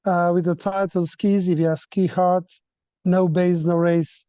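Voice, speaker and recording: A man moderating a seminar, introducing the next speaker in a halting, self-correcting way. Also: high voice, flat delivery, dark tone, smooth, no echo.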